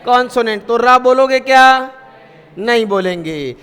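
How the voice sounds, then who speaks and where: High-voiced man teaching in a hall. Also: lively intonation, unhurried, pushed and bright, clear, resonant tone. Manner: questioning students, repeating answers. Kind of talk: classroom grammar lesson.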